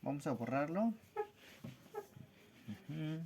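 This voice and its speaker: Man teaching slowly. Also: a little high, lively intonation, vocal fry, a little mellow, a little hiss or hum. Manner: slow, careful spelling out of words, friendly. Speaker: language teacher. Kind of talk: casual whiteboard lesson.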